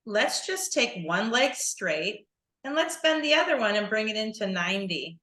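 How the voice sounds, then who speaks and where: A woman yoga teacher talking casually on a podcast, animated and acting out her students' voices. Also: medium pitch, moderate pace. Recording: echoey room.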